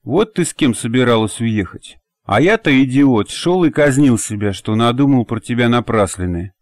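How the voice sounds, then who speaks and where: Guy doing a bitter young husband in an audiobook, low, talks through his teeth, dry sound. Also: lively intonation, moderate pace, no room sound, natural voice. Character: hot-headed young red-haired husband.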